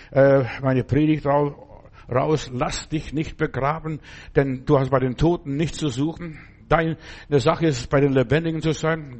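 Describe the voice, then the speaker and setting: A man's voice: a little high, darkish tone. A man preaching a sermon who addresses listeners directly and often checks with them, acting out cries for help in a raised voice.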